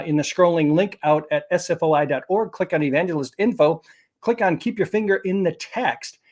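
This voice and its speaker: A man's voice: fairly high pitch, a little mellow. A man hosting a live online interview, presenting in an upbeat, promotional way over a video call. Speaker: host.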